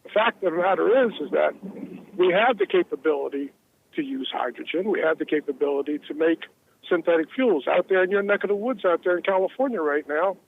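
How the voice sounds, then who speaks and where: Tinny-phoned New Jersey caller in a car. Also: male voice, high voice, lively intonation, a little fast, creaky. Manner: rambling, earnest, repeats words. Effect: car Bluetooth phone call.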